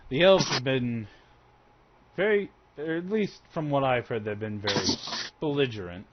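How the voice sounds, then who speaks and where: A man narrating and talking in character as a game master in a halting, conversational way, on a dull recording. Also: mid-range voice, animated. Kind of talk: improvised tabletop game narration and in-character talk. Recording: dull lo-fi sound with faint noise.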